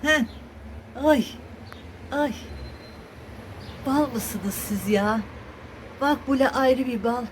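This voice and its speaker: A woman's voice: on the high side, very slow, long pauses, slight background noise. A woman at home talking baby talk to her cats, cooing and teasing them in a sing-song way. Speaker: cat owner filming her cats. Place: at home indoors.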